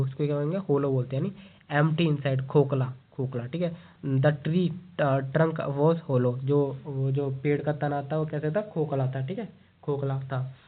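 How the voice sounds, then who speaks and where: A man teaching exam vocabulary, explaining each word at length and reading the English examples slowly, often repeating a checking phrase. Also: a little high. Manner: repeats "ठीक है" and "उसको क्या बोलते हैं?" often. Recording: tinny phone-like audio.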